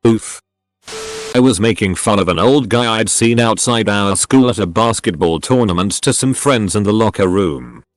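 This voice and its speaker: A man with a voice on the low side reads short first-person stories as scripted narration. His storytelling delivery is animated, and the recording is dry.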